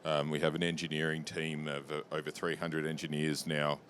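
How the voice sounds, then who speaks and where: An Australian company executive answers questions in a business interview in a trade show's interview lounge, matter-of-fact and explanatory. His tone is level, brisk and a bit bright, over a low rumbling background noise.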